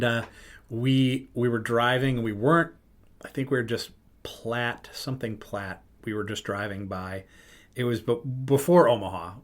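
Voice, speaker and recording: A middle-aged man hosting a podcast, telling a rambling, self-interrupting road-trip story in casual chat. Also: lowish voice. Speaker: podcast host.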